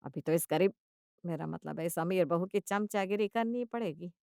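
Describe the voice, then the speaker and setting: A woman voicing a greedy, scheming older mother-in-law who coaxes sweetly and then bursts out loud, recorded dry. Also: lowish voice, moderate pace, vocal fry, clear, resonant tone, no echo. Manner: sugary coaxing, with sudden loud outbursts.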